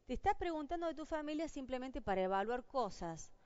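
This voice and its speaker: Lively Argentine woman lecturing a class. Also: sits high, fairly quick, no room sound. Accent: Argentine Spanish. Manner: lively, rhetorical questions to the audience. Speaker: lecturer on job interviews. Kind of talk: university lecture. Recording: dull lo-fi dry sound.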